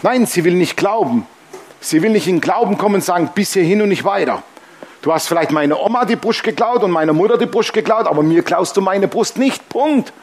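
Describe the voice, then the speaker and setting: A man's voice: high-pitched, expressive, brisk. A man preaching a sermon as pastor, emphatic and humorous, often calling out "Amen".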